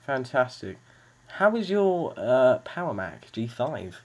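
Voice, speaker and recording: A man's voice: medium pitch, very animated, takes it slowly, darkish tone, highs cut off. A man hosting a casual podcast game over a video call, joking and teasing his friends as he talks. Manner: playful, teasing, laughs often. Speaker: podcast host. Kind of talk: casual chat.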